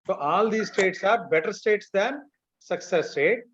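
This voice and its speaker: A man's voice: high voice, moderate pace, fairly bright tone, slight background noise. A man with a Telugu Indian accent teaching an online class step by step, mixing Telugu and English and often checking that students follow. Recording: dull, lo-fi online class audio.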